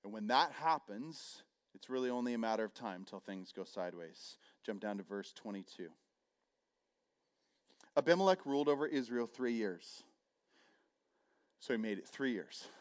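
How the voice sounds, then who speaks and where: A man preaching a sermon and retelling a scripture story, swinging between loud and hushed delivery. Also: on the low side, animated, normal speed, long pauses. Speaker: pastor.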